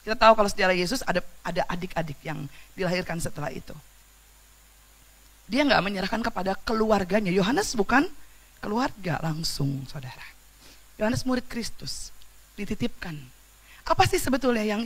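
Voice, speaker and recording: A female preacher addresses her church casually and with liveliness, her delivery swinging from loud exclaiming to quiet tales. Slang and questions for the congregation run through it. Her mid-range voice moves at a normal speed, broken by long pauses.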